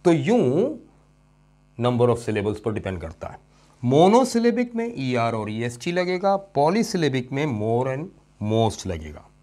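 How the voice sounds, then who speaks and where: A man's voice: mid-range voice, very animated, slow pace. A male English teacher giving a classroom grammar lesson. He stretches out example words and repeats them, and he keeps checking that his students follow. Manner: addresses students warmly as "son" and checks understanding with "okay?".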